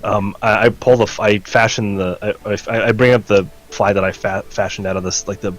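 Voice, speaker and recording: A man's voice: fairly low pitch, fairly even intonation, brisk. A man playing a tabletop role-playing game, describing his moves casually and stammering as he repeats words.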